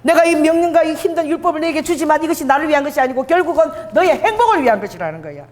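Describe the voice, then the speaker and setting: High-voiced woman preaching in a hall. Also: very fast. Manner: animated preaching with asides and acted quotes. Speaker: pastor. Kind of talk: sermon. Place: church sanctuary. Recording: reverberant hall.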